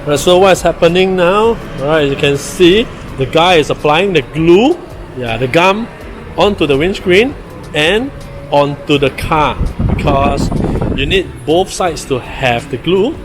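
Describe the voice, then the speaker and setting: A Singaporean-accented man hosts a casual vlog, chatting to viewers in colloquial Singlish full of particles and tag questions. His voice sits fairly high and sounds expressive, moving a little slowly over soft background music.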